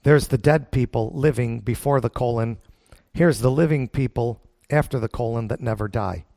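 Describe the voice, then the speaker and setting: A man's voice: mid-range voice, creaky, darkish tone, no room sound. Folksy male preacher, dry close sound. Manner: emphatic, with deliberate pauses and rhetorical questions. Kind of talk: sermon, expository Bible teaching to a congregation.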